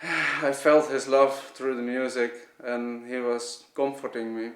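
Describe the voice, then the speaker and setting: A native Dutch speaker with a Dutch accent gives an earnest, unscripted personal testimony, often halting to search for words. His voice sits at medium pitch with a level tone, and the recording sounds echoey and roomy.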